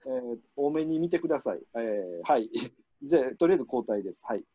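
Relaxed Kansai man refereeing a game. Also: medium pitch, brisk, no echo, lo-fi sound. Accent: Kansai Japanese. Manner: relaxed, chuckling, explains rules. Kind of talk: casual game commentary.

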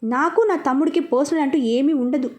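A composed, principled young woman who speaks calmly and plainly, never rattled, as a woman narrator does her. High voice, storybook reading. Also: natural voice. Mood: firm. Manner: calm, measured, matter-of-fact.

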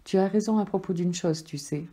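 A woman voicing a gentle, loving soul that speaks softly and patiently. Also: on the low side, brisk, lightly acted. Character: gentle, loving friendly soul, calm and tender.

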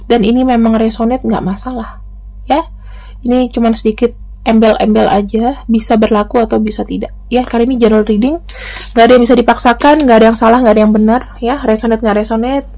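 A woman's voice: on the high side, fairly even intonation, quick pace, mellow. A woman doing a casual tarot reading, chatting directly to the viewer as she turns the cards. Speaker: tarot reader.

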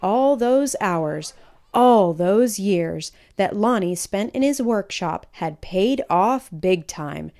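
A woman of medium pitch reads from a children's picture book at a slow pace. She brings an expressive, emphatic storytelling quality to the reading.

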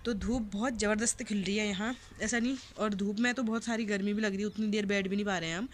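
A young woman from the hills of northern India vlogs from a rooftop in her hill town, talking to her phone camera held at arm's length. Her medium-pitched voice is steady and fast, with slight hiss or hum. She's chatty and homely, addressing viewers as friends.

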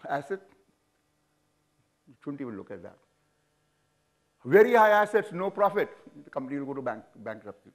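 On an auditorium stage, a business leader in his seventies with an Indian English accent answers interview questions as a guest, captured on a lapel mic. His voice is on the high side, his pace moderate, and he pauses often. Animated and frank, he chuckles and sweeps his hands about.

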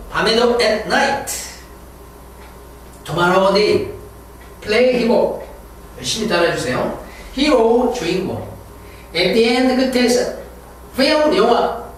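A man's voice: sits high, lively intonation, far from the mic, slight background noise. Echoey man teaching English words. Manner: slow, drawn-out English words, quick Korean asides. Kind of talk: vocabulary lesson, call-and-repeat drills. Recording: very echoey room, heard from afar.

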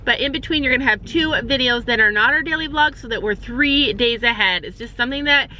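A woman's voice: fairly high pitch, a little fast, bright, forceful tone, a little hiss or hum, poor audio. A woman in her forties talking casually to viewers from a car, filmed on a phone held at arm's length. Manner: chatty, addresses viewers directly. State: out of breath on the hill. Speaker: family vlogger. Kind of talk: casual vlog talk to camera. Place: inside a car, and outdoors on a farm field.

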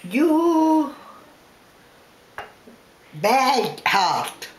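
Sweet old grandma, talks really slow in broken english, pitch all over, echoey kitchen. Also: female voice, very animated. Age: elderly, 80s. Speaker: grandmother reading coffee grounds. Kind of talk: casual fortune telling in broken English. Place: home kitchen at a table. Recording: echoey kitchen, faint noise and clatter.

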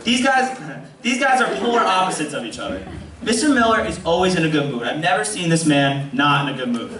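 A young man casually introduces a teacher impression routine on stage. His voice is lively and fairly high. It is picked up from far off over loud crowd noise. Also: brisk. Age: teens to young adult. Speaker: student performer in a talent show. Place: school auditorium stage. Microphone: handheld mic, filmed from audience. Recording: distant camcorder in echoey hall, noisy crowd.

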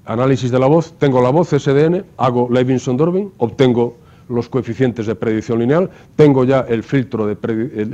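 A man lectures to his class in a mellow, dark voice, walking through the material step by step. He keeps checking in with rhetorical questions. The recording is muffled and lo-fi. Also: medium pitch. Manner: explanatory, asks rhetorical questions with frequent tag "¿no?". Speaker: university lecturer.

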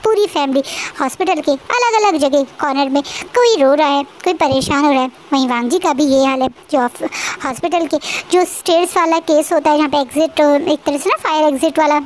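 High-voiced woman retelling a story. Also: a little hiss or hum, rough recording. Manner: chatty, emotional, with frequent restarts. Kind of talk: casual story narration.

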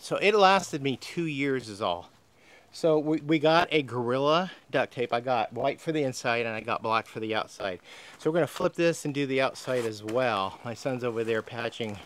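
A man's voice: medium pitch, poor audio. An older man hosting a homestead vlog, chatting casually outdoors in a sunny farmyard in a plainspoken way with frequent "uh" fillers. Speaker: homestead channel host.

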